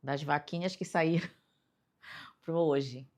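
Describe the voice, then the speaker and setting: Deep gravelly woman host. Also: fairly even intonation, very slow, darkish tone. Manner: brief, approving reactions. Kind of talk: interview reactions.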